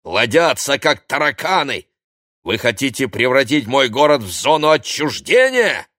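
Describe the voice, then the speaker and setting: A man voicing an angry, blustering town mayor who shouts threats, in an audiobook. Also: mid-range voice, big pitch swings, measured pace, dry recording, studio quality, pitched above the performer's own voice. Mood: furious. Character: furious bullying small-town male mayor.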